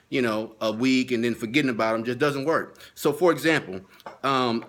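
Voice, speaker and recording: Playing a sales consultant, a man with a medium-pitched, fairly bright voice gives an informal training talk. He is emphatic and keeps returning to his key points, repeating them to drive them home.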